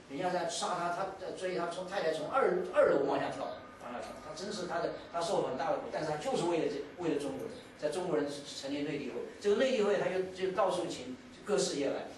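A man preaching a sermon as a story, animated, with many restarts and repeated words. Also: a little high, recorded from a distance, slight background noise. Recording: echoey hall, voice from afar.

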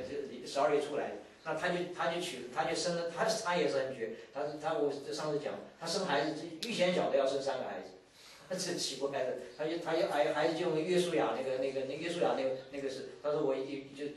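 A man preaching a sermon as a story, animated, with many restarts and repeated words. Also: on the high side, far from the mic, slight background noise. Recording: echoey hall, voice from afar.

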